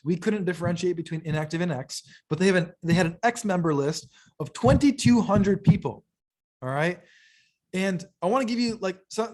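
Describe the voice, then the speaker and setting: High-voiced man teaching business tips. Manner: energetic, keeps checking in with "right?" and "okay?"; stumbles and restarts mid-phrase. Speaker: business coach. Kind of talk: teaching talk to an audience.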